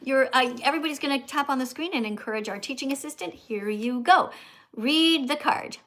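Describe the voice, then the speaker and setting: A woman's voice: sits high, a little fast, a bit bright. An older woman hosting a livestream, talking with callers in an insistent, lecturing, teacherly way. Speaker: livestream host.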